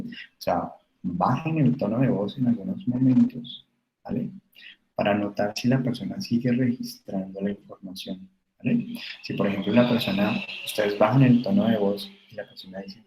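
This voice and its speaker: A man's voice: lowish voice, darkish tone. A man giving a recorded class lecture, explaining patiently with frequent tag questions and fillers. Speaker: university lecturer. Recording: echoey room with faint noise.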